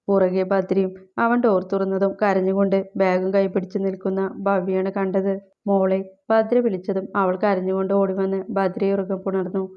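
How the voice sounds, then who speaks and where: A woman reading a scripted story aloud as narrator, in a steady, unhurried manner. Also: mid-range voice, muffled recording.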